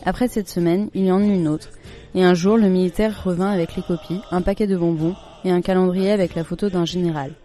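Mellow, calm storybook narrator. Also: medium pitch, fairly quick. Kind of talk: storybook reading. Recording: faint music bed.

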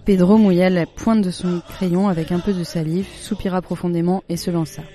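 A storyteller reading a children's story aloud in a calm, measured narration. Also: medium pitch. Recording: faint music bed.

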